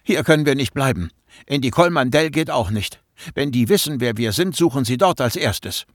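A man's voice: mid-range voice, lively intonation, moderate pace, no echo, studio quality, natural voice. A man reading an audiobook and voicing an anxious teenage schoolboy who talks in an agitated, pleading way. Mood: urgent. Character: anxious teenage schoolboy, first-person hero.

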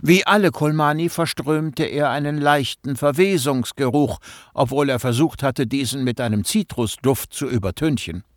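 A man's voice: medium pitch, moderate pace, dry recording. Man narrating a story in a dry booth. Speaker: audiobook narrator. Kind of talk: scripted narration.

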